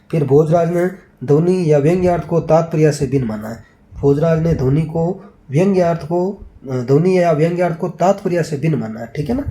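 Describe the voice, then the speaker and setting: Guy teaching an exam revision class, kinda high voice but really warm and dark, keeps repeating stuff and asking "right?". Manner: quizzes with rhetorical questions, answers them himself; repeats key points, ends phrases with check-in tags.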